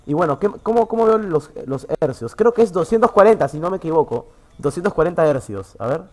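Excitable Peruvian man streaming. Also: a little fast, slight background noise. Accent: Peruvian Spanish. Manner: excitable, swears freely, swings from loud outbursts to low muttering. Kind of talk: casual livestream chat. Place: internet café booth.

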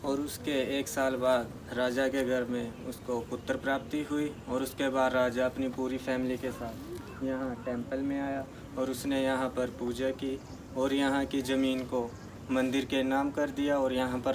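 Young male travel vlogger, casual and chatty, outdoor camera mic with clear background noise. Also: medium pitch, level tone, normal speed, recorded from a distance. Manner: chatty, addresses viewers as guys. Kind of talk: casual travel vlog narration. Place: outdoors on a misty hillside.

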